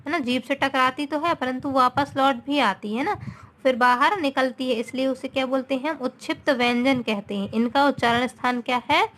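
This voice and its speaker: A woman's voice: high-pitched, a bit bright. A woman teaching a grammar lesson, explaining step by step, often checking in with her students and mixing English words into her talk. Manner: slow, repetitive, checks in with "है ना".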